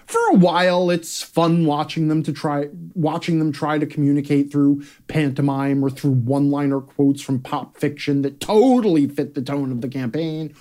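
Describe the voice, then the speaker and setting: Reading his own opinion column aloud as a scripted comic rant, a man sounds brash, sarcastic and profane, with theatrical emphasis and plenty of swearing. His voice is a little high and darkish, steady in tone, at normal speed with few pauses.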